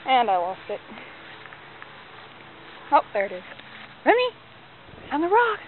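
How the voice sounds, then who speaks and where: A high, lively woman's voice swoops up and down as she coaxes and calls her dog in a sing-song way during a game of fetch in the yard. The sound is thin and phone-like, as from a built-in camera mic, with a faint hiss underneath. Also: measured pace. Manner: sing-song coaxing, calling the dog's name. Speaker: dog owner filming her pet. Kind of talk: casual home video talk to a dog. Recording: tinny lo-fi home video sound.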